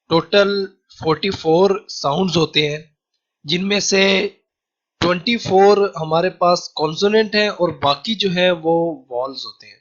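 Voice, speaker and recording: A man teaching a grammar lecture with a Pakistani Urdu accent, patiently repeating key rules slowly. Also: a little high, fairly bright tone. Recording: dull lo-fi sound.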